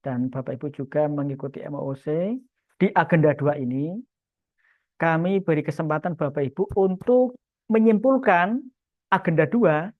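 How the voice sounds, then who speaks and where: A male instructor lecturing civil service trainees, expressive, pushing his voice loud and then dropping it low for emphasis. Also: no room sound. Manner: expressive, swings loudness up and down for emphasis. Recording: tinny phone-like sound, dry.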